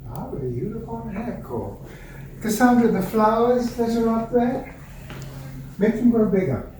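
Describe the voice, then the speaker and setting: A man performing as a ceremonious wandmaker in a theme park shop, speaking slowly and instructively. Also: extremely high pitch, expressive, slight background noise. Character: solemn old-world wandmaker, theatrical male. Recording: echoey room with loud music, from far. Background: loud music.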